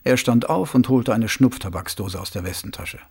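A man reading a novel aloud as an audiobook narrator, in calm, even storytelling. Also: medium pitch, normal speed, breathy edge.

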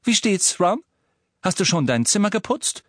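A man voicing a brisk, bossy motherly witch in an audiobook. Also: sits high, big pitch swings, fairly bright tone, no room sound, studio quality, pitched above the performer's own voice, full character voice. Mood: scolding. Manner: brisk, scolding.

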